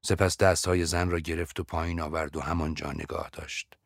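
A man narrating a story in a steady, measured audiobook reading. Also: very deep voice, gravelly, no room sound, studio quality.

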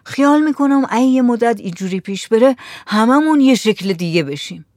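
A woman's voice: a little high, lively intonation, a little mellow, dry recording, studio quality, natural voice. A woman voicing an anxious, gloomy village man. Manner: pleading, fearful.

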